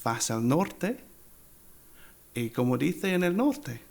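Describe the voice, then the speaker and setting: A man from England whose first language is English, speaking with an English accent as an interview guest, halting and slipping English words into his talk. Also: medium pitch, sing-song, vocal fry, darkish tone. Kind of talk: casual interview chat.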